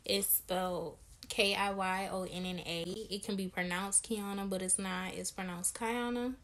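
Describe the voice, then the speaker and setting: A woman's voice: lowish voice, level tone, moderate pace, fairly bright tone. Chatty young woman from Maryland. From Maryland, USA. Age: 20s. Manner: chatty, candid, slangy. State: tired. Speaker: vlogger and lash business owner. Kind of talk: casual Q&A vlog.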